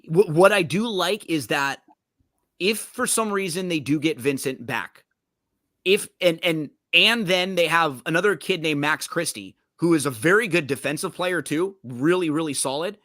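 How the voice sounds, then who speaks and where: A man hosting a podcast, chatting casually and quickly about basketball, often restarting his sentences. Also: fairly high pitch, lively intonation, bright, forceful tone, no room sound, studio quality. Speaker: podcast host. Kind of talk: casual sports chat.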